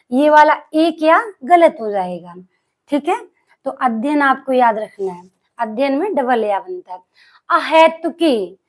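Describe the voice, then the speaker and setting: Woman, high voice, teacher, exam-prep spelling lesson, quizzes the class and answers herself, drags out key words slowly. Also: fairly bright tone. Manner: asks the class questions and answers them herself.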